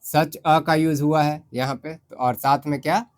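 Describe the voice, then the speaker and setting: A man with an Indian accent teaching English grammar in Hindi, explaining step by step and reading English example sentences slowly. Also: fairly high pitch, fairly even intonation.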